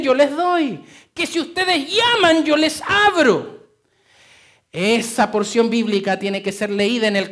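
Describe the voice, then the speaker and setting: A male pastor preaching in church with a very high, lively voice. He swings from hushed, intimate passages to loud, dramatic outbursts, with the pitch leaping all over as he drives each point home. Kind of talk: sermon.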